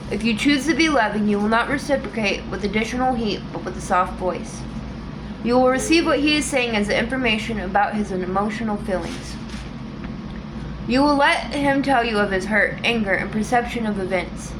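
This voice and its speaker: A woman reading a book aloud in a calm, measured way, with an occasional small restart. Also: fairly high pitch. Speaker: audiobook reader.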